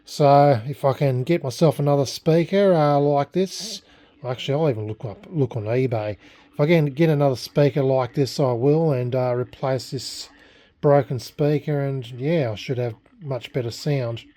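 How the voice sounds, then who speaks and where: Here the same kind of speaker, an Australian man fixing up an old radio for his vlog, talks bluntly and rambles with self-deprecating humor. He has a warm, mid-range voice and keeps a moderate pace.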